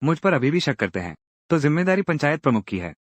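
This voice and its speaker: A man's voice: on the high side, big pitch swings, fast talker, dry recording. A man narrating a drama recap and voicing every character's lines himself, acting each one out in turn.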